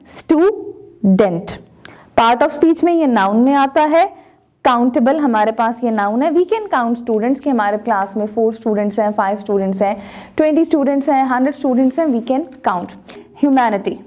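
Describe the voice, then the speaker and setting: A woman teaching a recorded textbook lesson, explaining each step slowly and carefully. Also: sits high, a little mellow. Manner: slow, carefully spelled-out explanations.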